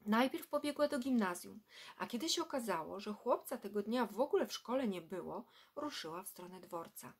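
A woman with a middle-pitched voice reads a children's book aloud. Her storytelling is measured, and she drops her voice low and quiet for the dramatic moments. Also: expressive, husky.

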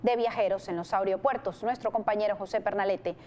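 A woman's voice: mid-range voice, a little fast, a little mellow, a little hiss or hum. A woman presenting the news as anchor from a TV studio in a formal, scripted tone.

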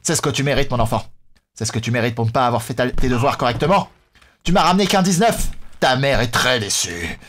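A man voicing a stern, disappointed father, with slow, low, mock-solemn reproach. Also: lively intonation, background noise, natural voice. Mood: scolding.

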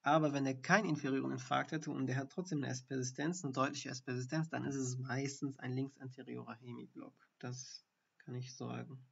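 A man's voice: mid-range voice, steady tone, brisk, creaky, husky. A man, a doctor, talks through ECG findings in a live-streamed lesson, explaining step by step and thinking aloud with fillers. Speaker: doctor teaching ECG reading. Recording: dull lo-fi stream audio.

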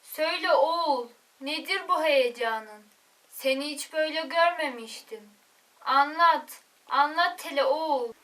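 A woman's voice: high voice, unhurried, bright, forceful tone, recorded from a distance, poor audio. A woman playing a devoted, self-sacrificing village mother with emotive delivery in an amateur school play. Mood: tender, brave.

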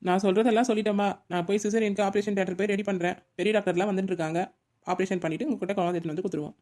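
Woman voicing a no-nonsense cartoon doctor lady, mid pitch, rattles it off super fast. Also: steady tone, mellow, natural voice. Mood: blunt. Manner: blunt and forgetful, rapid. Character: matter-of-fact woman doctor.

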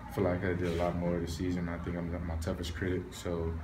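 Subdued young man, low and flat. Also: fast, background noise. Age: young adult. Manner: low-key and candid, trailing off with ums. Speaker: college football player. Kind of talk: postgame press interview. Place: hallway of a stadium in front of a sponsor backdrop. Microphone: reporters' recorders held close.

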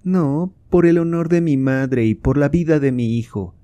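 A man's voice: a little high, unhurried, dark tone, no room sound, voice pushed up, natural voice. A man reading aloud, voicing a proud and indignant queen with a raised, fervent, declamatory delivery.

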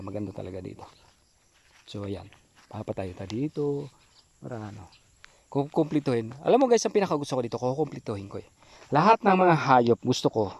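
A man's voice: medium pitch, vocal fry, slightly rough. A man vlogging casually outdoors in the countryside, chatty, often tagging "no?" and "guys". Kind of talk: casual walking vlog.

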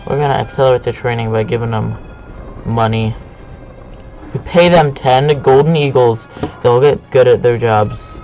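A man giving casual, excitable gameplay commentary with a friend, bursting into yells and sing-song chants. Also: medium pitch, moderate pace, highs cut off, soft background music. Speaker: gaming video host.

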